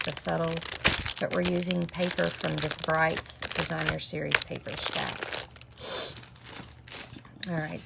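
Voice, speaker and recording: Through the steady hum of a desk-mounted camera mic, a middle-aged stamping craft demonstrator talks viewers through her project one step at a time in a live tutorial. Her voice is low, very gravelly, and slightly stuffy, and she sniffles from a minor cold. Friendly and chatty, she greets viewers by name.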